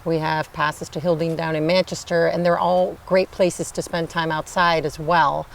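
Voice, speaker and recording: A woman with a slightly low voice gives informal, informative interview answers. Her delivery is a bit halting, and there is faint noise around her. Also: level tone, vocal fry. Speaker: assistant librarian, interview guest.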